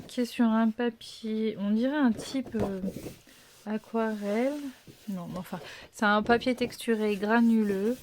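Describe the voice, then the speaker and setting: Slow, hesitant woman unboxing crafts. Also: a little high, darkish tone, slight background noise. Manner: hesitant, thinking aloud with many fillers; apologetic, self-correcting asides. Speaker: craft video host. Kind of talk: casual unboxing walkthrough.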